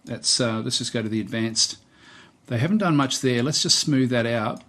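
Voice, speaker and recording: This software tutorial comes from a man speaking at normal speed in a mid-range voice. He keeps it casual and unscripted, pausing hesitantly as he works things out aloud.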